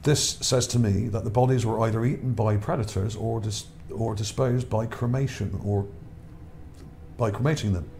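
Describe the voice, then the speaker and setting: A channel host rambles over pictures while reading his article, his low, warm voice wearing out and showing vocal fry. He keeps a fairly even intonation at a moderate pace, repeats words and checks in with "okay?", and there's a bit of hiss.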